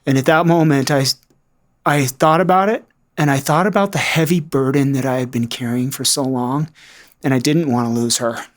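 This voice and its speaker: Podcast guest, male, mid-pitched, earnest and reflective testimony. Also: fairly even intonation, normal speed. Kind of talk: personal testimony.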